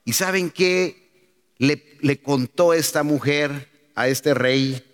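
Preaching man, booming hall echo. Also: takes it slowly, smooth. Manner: preaching with rising, emphatic calls and rhetorical questions. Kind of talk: sermon. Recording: long hall reverb.

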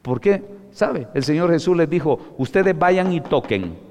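A man's voice: fairly high pitch, animated, a little slow. Preaching man with swinging dynamics. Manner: swings between loud exclamations and hushed asides; addresses listeners as brother. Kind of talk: sermon. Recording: long hall reverb.

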